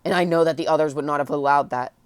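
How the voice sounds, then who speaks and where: A woman crying and very upset, venting personally in a blubbering, tearful, halting way. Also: low-pitched, steady tone, smooth, dry recording. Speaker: vlogger. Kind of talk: emotional personal vent to camera.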